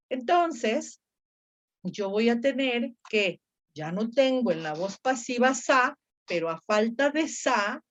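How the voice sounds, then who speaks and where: A woman's voice: on the high side, dull audio. A woman teaching Ancient Greek grammar, explaining patiently step by step and quizzing her students. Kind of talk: online grammar lesson.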